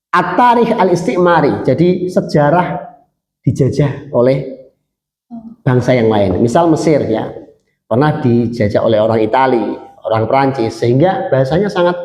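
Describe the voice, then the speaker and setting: A man's voice: fairly high pitch, a little mellow, reverberant. A man lecturing a university class, mixing Arabic phrases into his Indonesian and quizzing his students.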